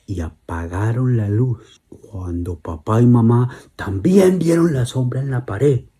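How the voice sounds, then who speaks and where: Guy telling a kids' bedtime story, slow and gentle, dark mellow husky voice. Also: mid-range voice. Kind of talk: children's bedtime story narration.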